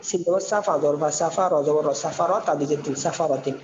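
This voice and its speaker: A man teaching a Quran recitation lesson, spelling out words syllable by syllable in slow drills, recorded with dull, lo-fi sound and a long reverb. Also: on the high side, fairly even intonation, a little mellow, a little hiss or hum.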